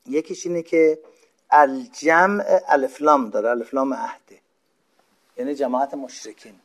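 A man giving a religious lecture, patiently explaining the meaning of Arabic words and asking himself questions that he then answers. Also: a little high. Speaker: religious teacher.

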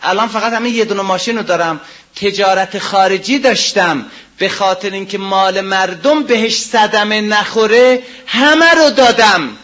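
Preaching man with loud emphatic swings. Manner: swings between loud emphatic rises and low quiet asides; recites scripture in a drawn-out chanting tone. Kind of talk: sermon. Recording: dull lo-fi sound.

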